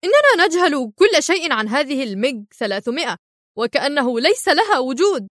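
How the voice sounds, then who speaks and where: A woman's voice: sits high, very animated, a little fast, fairly bright tone, no room sound, studio quality, voice pushed up. A woman voicing a curt, irritated American man. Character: tense, angry American man on a flight.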